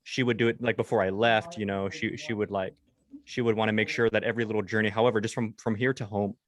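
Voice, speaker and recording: A man in his twenties co-hosts a dog-trainer podcast, chatting casually and rambling with lots of restarts and fillers. His voice is on the low side with little pitch movement, and he talks at a quick pace.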